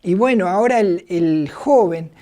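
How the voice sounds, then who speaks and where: Argentine lady preaching a bible story, mellow dark voice, lots of "este" and restarts. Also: fairly low pitch, lively intonation, measured pace. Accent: Argentine Spanish. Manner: hesitant, many fillers and restarts.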